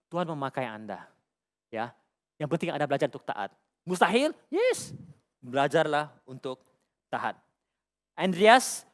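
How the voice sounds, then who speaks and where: A middle-aged man with a Malaysian accent preaching a sermon as lead pastor, conversational and full of personal stories, often asking the congregation questions. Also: fairly high pitch. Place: church stage.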